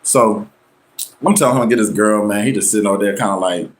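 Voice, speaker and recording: A man hosting his own show, telling a personal story in loose, slangy casual talk. He acts out the people he quotes with sudden jumps in pitch. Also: fast, a little hiss or hum. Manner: slangy, loose, full of "you know what I'm saying". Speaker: show host.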